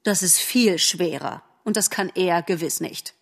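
A woman reading an audiobook aloud, voicing a scornful, stubborn female forest animal with dismissive, sharp retorts. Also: fairly low pitch, unhurried, creaky, in a large hall.

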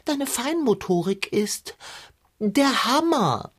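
Long John, a pompous hungry glutton. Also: female voice, on the high side, very animated, slow, breathy edge, heavily acted. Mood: whiny, grandiose. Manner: grandiloquent, old-fashioned phrasing, self-pitying. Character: pompous, perpetually hungry plump male sidekick. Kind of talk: German children's radio play.

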